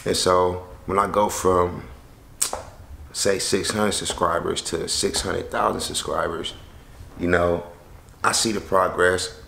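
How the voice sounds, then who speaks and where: A young man telling a story casually to a handheld camera in and around his house, slangy and animated, acting out the people he quotes. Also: low voice, slow, vocal fry, a little hiss or hum. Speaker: vlogger. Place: house interior and front porch. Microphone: handheld camera close to face.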